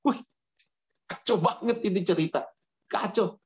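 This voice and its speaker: A man's voice: high voice, measured pace, breathy edge. Chatty, slangy male youth preacher. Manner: lively, chatty, slangy, acts out the story. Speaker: pastor. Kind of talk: casual storytelling sermon to youth. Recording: dull lo-fi sound.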